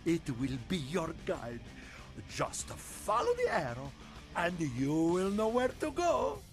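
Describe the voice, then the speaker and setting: A man voicing an eager, friendly little car helper in an animated video game. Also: high-pitched, slow, full character voice. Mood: helpful. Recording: music behind the voice.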